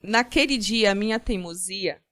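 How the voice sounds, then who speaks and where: A woman giving a personal faith-filled testimony as a podcast guest, earnest, with halting restarts. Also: medium pitch, a bit bright, no room sound, studio quality. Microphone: studio podcast mic.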